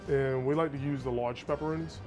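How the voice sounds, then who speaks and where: A man from a pizza restaurant, describing the place and making a pizza in a steady, matter-of-fact way. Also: mid-range voice, fairly quick, over music. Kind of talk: interview and cooking demonstration.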